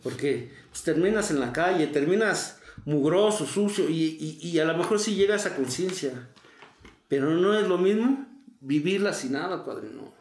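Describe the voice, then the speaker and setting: A middle-aged man with a Mexican accent telling a painful personal story in a halting way, repeating words as he relives it. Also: on the high side, expressive, darkish tone, roomy sound. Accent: Mexican Spanish. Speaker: interview guest. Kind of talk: emotional personal testimony.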